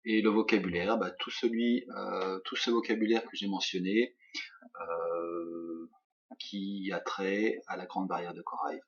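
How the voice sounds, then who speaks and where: A man's voice: deep voice, fairly even intonation, a little slow, breathy edge. A middle-aged male teacher with a French accent, giving recorded instructions from home with many fillers and restarts. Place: home, during lockdown. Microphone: webcam or laptop mic. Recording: muffled lo-fi webcam audio.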